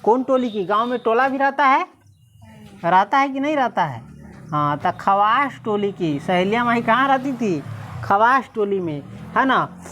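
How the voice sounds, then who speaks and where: A woman's voice: fairly high pitch, expressive, measured pace, a bit bright. A woman teacher explaining a story, asking her class questions and answering them herself, slipping into village dialect.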